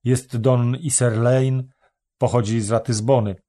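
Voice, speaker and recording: A deferential young servant, read by a male narrator, courteous and formal in his speech. His voice sits at a middle pitch, close to the reader's everyday tone. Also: fairly even intonation, a little slow, warm tone, lightly acted.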